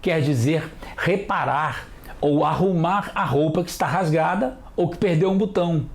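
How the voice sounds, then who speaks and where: A teacher, giving a children's TV lesson and spelling out sounds slowly and carefully. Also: medium pitch.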